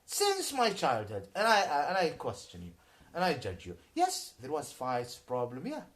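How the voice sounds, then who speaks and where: A man of about forty in a ranting YouTube monologue, halting and repetitive, swinging between shouted outbursts and low muttering. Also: huge pitch swings.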